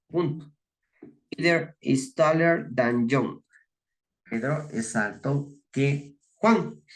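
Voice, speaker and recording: Slow, patient male English teacher. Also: mid-range voice. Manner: patient, explains step by step, asks "¿no?" and "¿ya?" for confirmation; reads English words slowly and clearly, then gives the Spanish meaning. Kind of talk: recorded grammar lesson.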